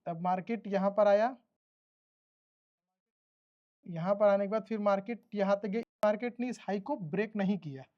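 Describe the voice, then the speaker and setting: A man's voice: high voice, brisk, a little mellow, highs cut off. A man teaching a trading course, walking through a chart step by step, repeating terms and checking that listeners follow. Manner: repetitive teacherly explaining, checks understanding. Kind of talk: explaining a chart in a recorded lesson.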